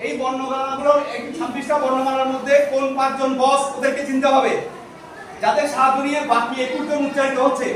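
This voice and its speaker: A man's voice: very high voice, level tone, quick pace, fairly bright tone. A man teaching a class, asking questions and having the students repeat answers back. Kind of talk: classroom teaching, call and response. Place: large echoey classroom. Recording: echoey room, distant mic, noisy.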